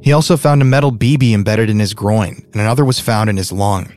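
A man narrates a true crime story in a steady, grave tone. Soft music plays under his voice. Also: on the low side, fast. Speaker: podcast narrator. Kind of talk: scripted narration.

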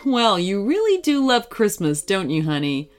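A woman doing fond, gentle parents. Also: mid-range voice, wildly swooping pitch, moderate pace, soft background music. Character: kind, fond parents of a young girl.

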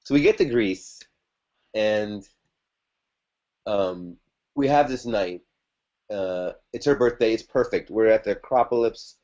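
A man's voice: lowish voice, unhurried, long pauses, a little mellow, highs cut off. A man, a podcast guest, telling a personal story in casual chat, with a lot of fillers and restarts. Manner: rambling, conversational, many fillers and restarts. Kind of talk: casual storytelling about a past relationship.

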